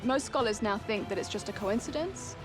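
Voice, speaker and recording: A woman explaining as an academic expert in a documentary interview, with precise, measured phrasing. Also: fairly high pitch. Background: music.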